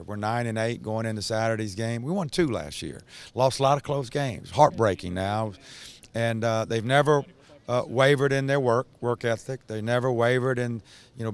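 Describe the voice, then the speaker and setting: Smooth-voiced older coach, halting speech. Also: male voice, medium pitch. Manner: halting, many restarts and fillers. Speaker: basketball head coach. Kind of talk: post-game interview. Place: empty indoor basketball arena. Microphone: handheld reporter mic.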